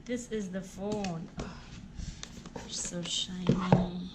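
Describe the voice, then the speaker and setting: A woman hosts a casual unboxing video, narrating each step aloud with exclamations, though her lowish voice keeps a steady tone and a slow pace. It's a clearly noisy home recording with clicks.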